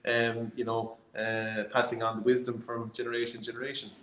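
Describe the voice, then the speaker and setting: A man with a west of Ireland accent telling stories conversationally, in a reflective, hesitant way with many pauses. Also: mid-range voice, completely flat delivery, a bit bright. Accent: Irish, west of Ireland. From Galway, Ireland. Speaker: distillery founder being interviewed. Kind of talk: conversational storytelling. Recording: roomy, echoey sound.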